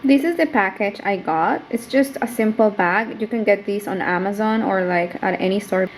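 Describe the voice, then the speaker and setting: Speaking at normal speed in a medium-pitched voice, a young Spanish-speaking woman from Peru chats to camera about her small business with a Peruvian Spanish accent. She fills her talk with "like" and "um" and her voice rises for quoted thoughts, all from a small indoor room with a tea stock shelf. The recording is rough, with slight background noise.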